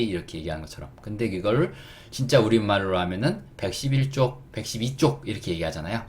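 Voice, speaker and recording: Patient male English teacher, low voice, spells words slowly, animated delivery. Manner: patient, asks questions and answers them himself. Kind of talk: beginner English lesson.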